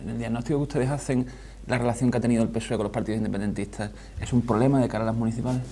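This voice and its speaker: A man's voice: mid-range voice, fairly even intonation, racing, mellow, a little hiss or hum. A man asking political questions as a journalist on a television interview panel.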